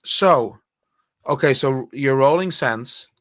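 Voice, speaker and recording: A man with a mid-pitched voice runs a tabletop game as game master. He narrates casually and conversationally, moving between scene description and instructions to players. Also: slow, a bit bright.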